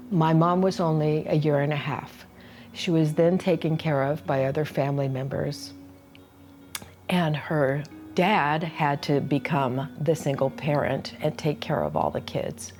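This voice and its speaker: A woman's voice: low-pitched, a little mellow. An older woman teaching solo performance, telling a personal family story in an earnest, reflective, confiding way.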